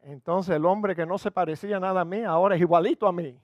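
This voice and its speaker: High-voiced older pastor preaching with humor. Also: male voice, fairly even intonation, fast, no room sound, lo-fi sound. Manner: humorous storytelling, conversational, code-switching into English. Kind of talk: sermon. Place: church.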